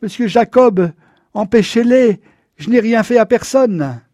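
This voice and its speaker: A man reading an audiobook, voicing a frightened, beaten old man who pleads in a high, strained voice. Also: expressive, unhurried, mellow, dry recording, clean studio sound. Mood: pleading.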